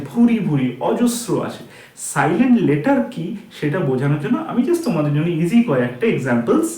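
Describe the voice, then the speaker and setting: Guy teaching kids a lesson, repeats words over and over, bit high voiced, roomy echo. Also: darkish tone. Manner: patient, repeats words slowly to drill pronunciation. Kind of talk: explaining a lesson to children.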